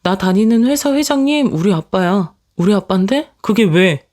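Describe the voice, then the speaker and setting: A woman narrating a dramatized family story in the first person, talking in a sharp, cutting, sarcastic way. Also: mid-range voice, lively intonation, normal speed.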